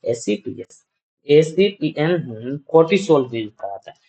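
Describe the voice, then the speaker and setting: A man's voice: on the high side, sing-song, a little slow, gravelly, mellow, slightly rough. A man teaching a nursing class, quizzing students and often answering his own questions, repeating each term several times. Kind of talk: classroom lecture.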